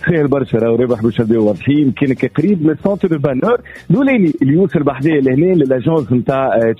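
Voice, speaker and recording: A man's voice: mid-range voice, breathy edge. A Tunisian man presenting a radio prize giveaway in upbeat, promotional game show host patter. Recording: muffled on-location radio link.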